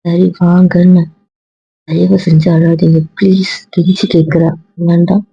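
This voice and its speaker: A woman's voice: fairly low pitch, level tone, unhurried, gravelly, mellow, slightly rough, no room sound, muffled recording, exaggerated voice. A woman playing a hurt young wife who answers curtly, then pleads with her husband. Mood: pleading. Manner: curt, pleading.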